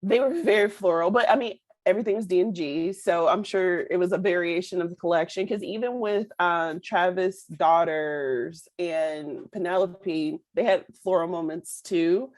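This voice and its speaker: A woman co-hosting a podcast in casual chat, talkative and quick to laugh. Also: fairly low pitch. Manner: chatty, laughs often. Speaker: podcast co-host.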